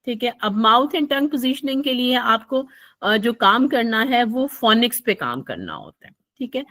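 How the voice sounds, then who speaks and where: A woman's voice: fairly high pitch, very animated, measured pace, sharp tone. Woman teaching English phonetics. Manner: explains patiently, repeating points, many "a" fillers. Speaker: online English tutor. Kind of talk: recorded lecture for tutors.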